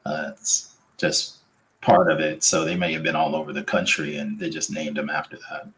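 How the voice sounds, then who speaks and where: Low-voiced laid-back man. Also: flat delivery, normal speed, a bit bright, rough recording. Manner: laid-back, repeats yeah. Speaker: guest. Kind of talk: casual chat.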